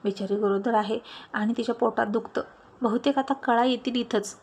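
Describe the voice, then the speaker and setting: A woman voicing a bold, quick-witted young village woman who talks in a brash, scolding way with rough village speech. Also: on the high side, steady tone, a little mellow. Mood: bossy.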